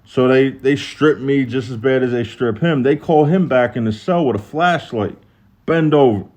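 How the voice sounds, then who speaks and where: Profane, animated Philadelphia man telling stories. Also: moderate pace. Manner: animated, profane, acts out other people's lines in a higher voice. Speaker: host telling prison stories on a live stream. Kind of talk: casual storytelling, live stream.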